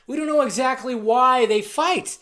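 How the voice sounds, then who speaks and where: Excitable, foul-mouthed male reviewer. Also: very high voice, moderate pace. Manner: excitable, profane, ranting; swings between loud outbursts and muttered asides. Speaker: movie trailer reviewer. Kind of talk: casual ranting review.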